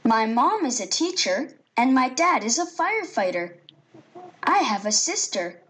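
A woman playing a cheerful nine-year-old boy who introduces his family in a high, lively voice for a classroom listening track. He speaks very slowly and clearly, with a bright, sing-song delivery. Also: full character voice. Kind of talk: recorded textbook listening audio.

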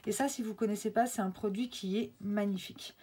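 A young woman chatting casually through an art-supply unboxing, excited and full of fillers and restarts. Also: mid-range voice, brisk, husky. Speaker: craft vlogger.

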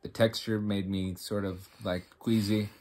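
A man co-hosting a casual snack review, talking in a halting, rambling way and admitting he mumbles. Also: fairly low pitch, flat delivery, a little mellow. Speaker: co-host tasting food.

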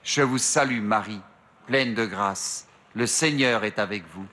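Middle-aged priest reciting prayers slowly. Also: male voice, fairly low pitch, pushed and bright, a little hiss or hum. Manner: slow measured prayer recitation. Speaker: priest leading the rosary. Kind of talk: slow recited prayer and meditation. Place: outdoor rock grotto shrine. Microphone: stand mic at a lectern.

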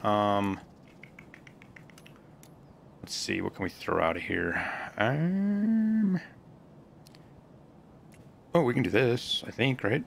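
Low gravelly man muttering over gameplay. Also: big pitch swings, slow pace, long pauses, slight background noise. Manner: muttering to himself while looting, occasional swearing. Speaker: gameplay streamer. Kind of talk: casual gameplay commentary.

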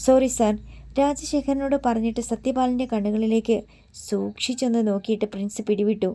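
A woman's voice: fairly high pitch, fairly even intonation, a little fast, dark tone. A woman reading a dramatic story aloud as an audiobook narrator, voicing the characters' lines in her own voice.

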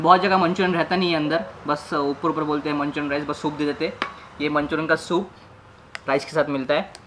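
This high-voiced, upbeat young man from Maharashtra, India, is a food vlogger doing a casual review with a noisy background and music under his voice. He's loud and chatty to camera on the street beside a bus, then calmer and quieter once he's eating inside the bus restaurant.

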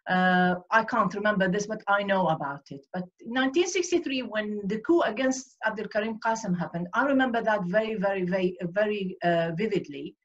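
This sixty-something Iraqi woman, a guest on a video call from her home, recounts her life earnestly in a medium-pitched voice, animated, fairly quick and with few pauses. She frequently gropes for words, and the audio is dull and lo-fi.

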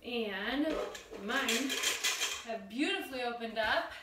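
Young woman host for a cooking tutorial: chatty, upbeat, a little high, recorded on a distant camera mic in an echoey home kitchen. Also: lively intonation, slow pace, heavy background noise. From Washington State. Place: small home kitchen, indoors.

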